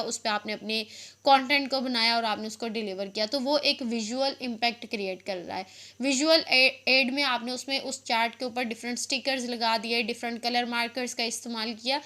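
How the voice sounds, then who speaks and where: Bright high-voiced woman teaching English. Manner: slows down to read out English phrases. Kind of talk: classroom lesson.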